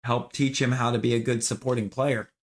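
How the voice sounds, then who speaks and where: An opinionated man chatting casually while he plays a game on stream. He talks to his viewers in a loose, rambling way, restarting his sentences as he goes. His voice sits at an ordinary pitch for a man. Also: level tone, a little fast. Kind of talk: casual chat while gaming.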